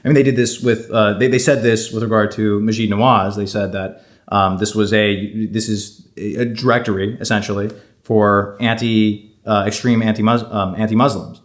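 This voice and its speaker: A man interviewing a guest, building long, measured questions with frequent restarts. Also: fairly low pitch, level tone.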